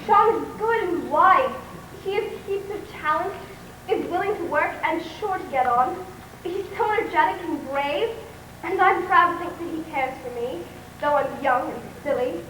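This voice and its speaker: A genteel young woman speaks earnestly in a very high voice, played by an actress. The vintage radio recording sounds roomy and distant. Steady hiss runs underneath. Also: moderate pace. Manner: earnest, polite, flustered when pressed. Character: young woman, proper and spirited.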